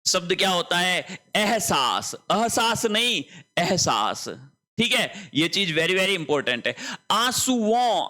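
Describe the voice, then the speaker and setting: A man's voice: fairly high pitch, pushed and bright. A man teaching a spelling lesson, emphatic and repetitive, often asking rhetorical questions. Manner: emphatic, repeats words and asks rhetorical questions. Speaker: Hindi teacher.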